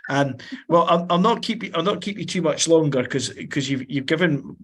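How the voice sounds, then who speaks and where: A man's voice: fairly high pitch, normal speed. A man hosting a sports podcast, asking questions casually and often repeating words as he starts them. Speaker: podcast host. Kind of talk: casual interview.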